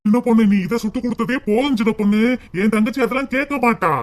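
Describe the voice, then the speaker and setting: A performer voicing a soft-hearted husband and brother with a Tirunelveli Tamil accent in a cartoon, soothing everyone around him. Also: mid-range voice, fast, lightly acted. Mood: placating.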